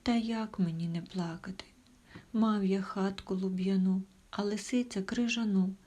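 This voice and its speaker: A woman's voice: mid-range voice, fairly even intonation, measured pace, dark tone, lightly acted. A weepy little hare, voiced by a woman. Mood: tearful pleading. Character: tearful little male hare, timid and pleading.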